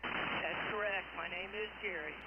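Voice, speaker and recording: A man on a ham radio contact, talking slowly and plainly, his voice coming through a radio with static. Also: high-pitched. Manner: slow, plain-spoken, spells out call signs. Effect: heard over a ham radio with static. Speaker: ham radio operator calling in. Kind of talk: casual on-air radio contact. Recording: muffled radio signal with loud static.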